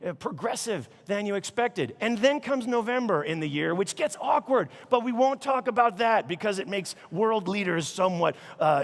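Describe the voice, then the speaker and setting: A man from Chicago, giving a comedic keynote speech to a conference audience, with animated, mock-outraged punchlines. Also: high voice. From Chicago, United States. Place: large conference hall. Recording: long hall reverb.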